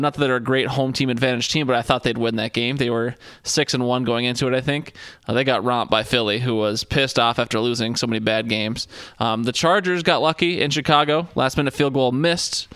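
A man chats loosely about football as a podcast co-host, circling back with fillers and restarts. His voice sits at an ordinary pitch. The recording is close and dry, with no room sound. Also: a bit bright, clean tone, no room sound. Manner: rambling, with many fillers and restarts. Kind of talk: casual sports chat.

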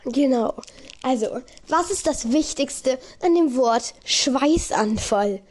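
A woman's voice: sits high, animated, slow, darkish tone. A young woman chatting casually and telling bad jokes as a podcast host, silly and easily breaking into giggles. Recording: clearly noisy amateur home recording.

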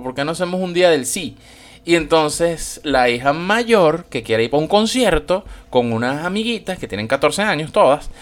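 A Venezuelan man hosting a podcast in loose, casual chat. His voice sits somewhat high for a man. He rambles, swears freely and leans on street slang. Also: a bit bright. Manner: rambling, slangy and profane, many fillers. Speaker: podcast host reviewing a film.

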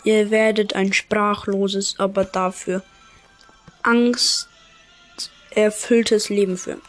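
A woman reading out a gloating male dark lord villain in a video game, with a whispery, drawn-out delivery. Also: medium pitch, flat delivery, faint music behind, lightly acted. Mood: menacing. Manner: whispery, drawn-out evil laugh.

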